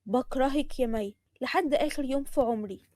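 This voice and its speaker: A bitter, taunting young sister with an Egyptian accent, as a woman narrator puts her on. She talks quickly and loudly in a dry, close recording, with a fairly high voice. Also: no echo, lightly acted. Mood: spiteful. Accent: Egyptian Arabic. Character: spiteful jealous young woman, older sister.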